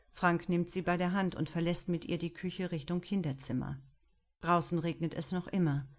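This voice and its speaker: Slow, calm woman reading a story. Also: on the low side. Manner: calm, measured, unhurried delivery. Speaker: audiobook narrator. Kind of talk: first-person literary reading.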